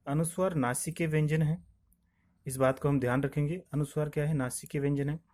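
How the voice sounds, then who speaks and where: A man's voice: a little high, dark tone. A man teaching grammar, who repeats each point and asks questions that he then answers himself. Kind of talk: classroom explanation with questions and answers.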